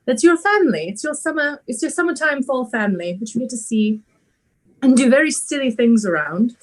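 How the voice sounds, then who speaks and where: A woman's voice: high voice, lively intonation, a little fast. A woman co-hosting a casual chat, rambling with restarts and chuckles. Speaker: podcast co-host, stage actor.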